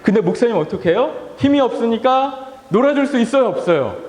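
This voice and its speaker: Preaching to children in a church hall, this pastor in his thirties has a very high, animated, slightly mellow voice and moves fairly quickly. He plays around, asks the kids questions, runs call-and-response, and mimics his family and his own tired sighs, all echoing with long reverb.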